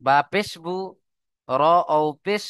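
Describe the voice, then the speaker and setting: A man's voice: high voice, animated, slow pace, fairly bright tone, clear, resonant tone, no room sound, clean studio sound. A man teaching Quran reading rules step by step, stretching out the example words in a sung recitation. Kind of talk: slow step-by-step lesson.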